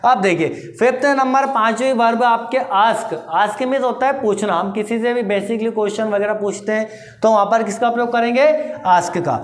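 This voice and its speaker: A teacher giving a grammar lesson, asking rhetorical questions, answering them and slowly repeating each answer. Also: mid-range voice. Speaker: English teacher. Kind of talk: classroom-style grammar lesson. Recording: roomy echo with faint background noise.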